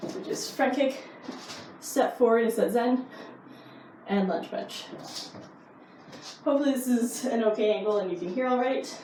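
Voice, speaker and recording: A woman's voice: fairly high pitch, normal speed, long pauses, mellow. A woman karate instructor explaining techniques in a casual, easygoing, informal way. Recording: roomy echo, distant mic, faint noise.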